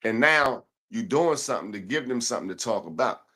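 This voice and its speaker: A man's voice: medium pitch, expressive, a little fast, pushed and bright. A middle-aged man hosting a casual sports talk show, talking loosely in slang and repeating himself often. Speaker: show host.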